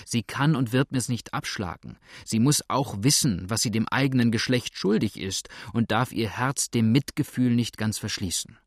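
A man's voice: medium pitch, moderate pace, hardly any pauses, no room sound, clean studio sound, lightly acted. A man voicing an earnest, desperate young boatman who pleads urgently.

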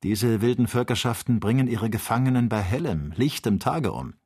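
A man voicing a calm, authoritative doctor who leads an expedition, speaking in a measured, reasoning way. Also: mid-range voice, breathy edge. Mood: calm, firm.

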